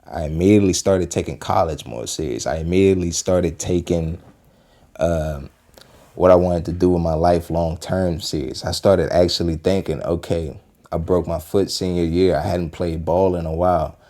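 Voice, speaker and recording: Low-pitched and dark in tone, with fairly even intonation at normal speed, this early-twenties host from Western Pennsylvania reacts to a clip. He riffs loosely on urgency in life in casual motivational talk, rambling and repeating phrases amid plenty of fillers.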